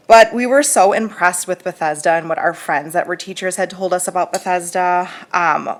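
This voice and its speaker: Chatty mom at the board mic, lowish voice, earnest and folksy. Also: female voice, a bit bright. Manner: chatty, earnest, with many fillers. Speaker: parent giving public comment. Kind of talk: public comment at a school board meeting.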